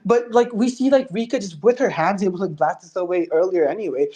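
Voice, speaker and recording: A man's voice: high-pitched, fast, dark tone. Man moderating, talking over others. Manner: talks over others, repeats "no" and "hold on". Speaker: debate moderator. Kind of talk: heated online debate.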